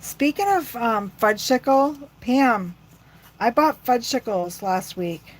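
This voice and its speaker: A woman's voice: on the high side, animated, a little slow, poor audio. A middle-aged woman rambling chattily to her viewers while she works on a crafting livestream. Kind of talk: casual crafting livestream chat.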